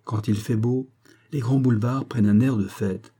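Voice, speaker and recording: A man reading a novel aloud in a steady, measured manner, as scripted narration. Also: medium pitch, breathy edge. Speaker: audiobook reader.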